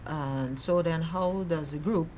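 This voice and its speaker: A woman hosting a morning television show, interviewing guests in a friendly, brisk way with frequent affirming murmurs. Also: low voice, a little mellow, a little hiss or hum.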